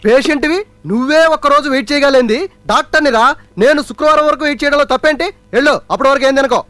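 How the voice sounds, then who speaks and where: A dismissive village doctor, very high-pitched voice, dry sound, sarcastic, film comedy. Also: male voice, fast talker, fairly bright tone, no echo. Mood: mocking. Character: lazy sarcastic male small-town doctor.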